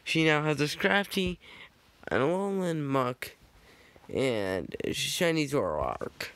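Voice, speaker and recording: A man's voice: a little high, lively intonation, slow pace, a bit bright. A man casually narrating a fan-made slideshow, rambling with jokey asides and frequent self-corrections on a close microphone.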